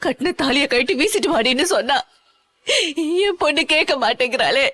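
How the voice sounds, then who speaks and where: Woman voicing a crying mom in a tv serial dub, high voice, begging and wailing. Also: expressive, moderate pace, fairly bright tone. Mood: tearful. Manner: tearful, pleading, wailing. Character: distraught middle-aged mother, grieving over her daughter. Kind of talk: dubbed TV serial acting.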